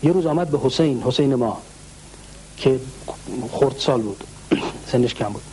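A man, a religious scholar, explaining historical accounts in answer to a question, often clearing his throat and slowing down to recite Arabic quotations. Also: medium pitch, mellow, slight background noise, low-quality recording.

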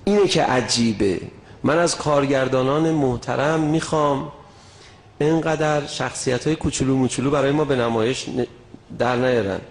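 A man preaching a sermon with passion, dropping to a hush and then rising to shouts. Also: medium pitch. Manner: impassioned, swings from hushed to shouting. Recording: roomy echo.

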